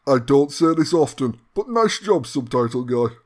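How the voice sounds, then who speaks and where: A man's voice: medium pitch, expressive, normal speed. A man hosting a gaming channel, delivering a comedic announcement with sardonic, mock-grandiose banter.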